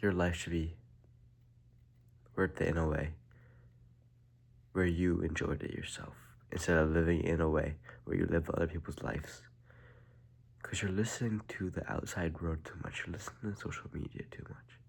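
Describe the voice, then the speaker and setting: A teenage boy speaks into the camera with a blocked nose from a cold. His voice sits very low and gravelly, with a husky edge. He talks haltingly and softly, often slipping into a near whisper. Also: fairly even intonation. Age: teens. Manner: halting, soft-spoken, drifts into a whisper. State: congested from a cold. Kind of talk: casual video monologue.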